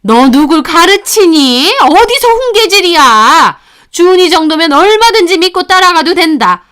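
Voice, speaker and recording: A woman voicing a sharp-tongued older mother-in-law who scolds and belittles. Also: very high voice, voice pushed up.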